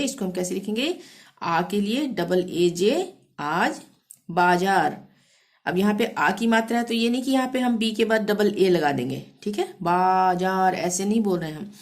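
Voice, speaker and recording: A woman teaching a language lesson, spelling words letter by letter and repeating phrases slowly and patiently. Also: fairly low pitch. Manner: repeats "theek hai" to check understanding. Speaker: Hindi teacher.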